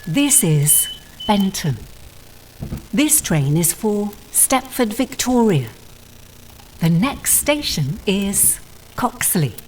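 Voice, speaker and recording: A woman's voice: mid-range voice, sing-song, slow, long pauses, darkish tone, a little hiss or hum, poor audio. A woman's recorded voice as a train announcer, with separately recorded phrases spliced together. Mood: neutral. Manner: formal, clipped announcement phrasing. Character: polite female train announcer. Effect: spliced-together recorded words.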